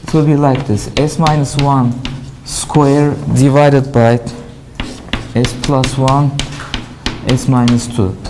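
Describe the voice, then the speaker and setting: A university lecturer with a Turkish accent, a native Turkish speaker, giving a classroom lecture and often asking questions, then answering them himself. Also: male voice, medium pitch, fairly even intonation, slow pace, pauses often, background noise. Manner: explanatory, asks and answers his own questions. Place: lecture hall.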